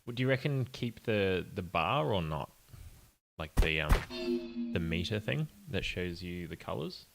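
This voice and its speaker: A man's voice: low-pitched, big pitch swings, unhurried, vocal fry, faint music behind. A young man streaming as an indie game developer, muttering and thinking aloud in a casual, apologetic way. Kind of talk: casual live-stream chat while coding.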